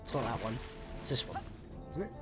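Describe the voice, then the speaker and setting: A man commentating as he plays a video game live, chatty and quick to exclaim. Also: mid-range voice, animated, over loud music. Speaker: streamer playing a game. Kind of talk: live let's-play commentary.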